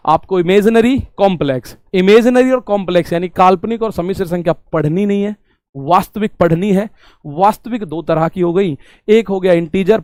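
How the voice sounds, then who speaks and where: High-voiced chatty math teacher. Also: male voice, darkish tone, no room sound. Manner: chatty, repeats questions to students, everyday examples. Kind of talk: online exam-prep class.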